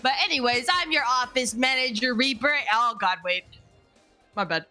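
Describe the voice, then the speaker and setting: A woman with a bright, forceful voice speaks a little high, heard over a group voice chat with push-to-talk. She talks bluntly in a loose, casual way and swears freely. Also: normal speed, faint music behind. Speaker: VTuber streamer.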